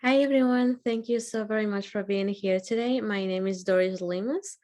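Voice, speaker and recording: A woman's voice: medium pitch, moderate pace. Young woman from El Salvador. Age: young adult. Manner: warm, slightly nonnative phrasing. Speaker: guest speaker.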